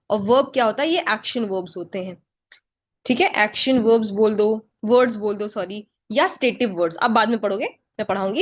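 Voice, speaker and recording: Hindi-teacher woman, higher voice. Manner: mixes Hindi and English, asks the class questions then answers them. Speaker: English vocabulary teacher. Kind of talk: online exam-prep lesson.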